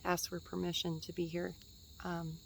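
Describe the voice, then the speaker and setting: A woman's voice: lowish voice, monotone, moderate pace, gravelly, slight background noise, rough recording. A woman in her twenties giving a casual spiritual teaching outdoors in a forest, chatty and meandering, with fillers and light laughs.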